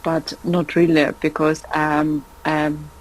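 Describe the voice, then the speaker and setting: Hesitant Russian-born woman learner, slow. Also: sits low, flat delivery, poor audio. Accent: Russian and Austrian. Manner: hesitant, searching for words. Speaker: student. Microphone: video call.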